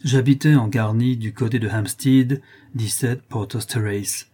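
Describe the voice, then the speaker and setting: Husky, mellow male audiobook narrator. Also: medium pitch. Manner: calm, measured storytelling. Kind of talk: audiobook narration of a classic story.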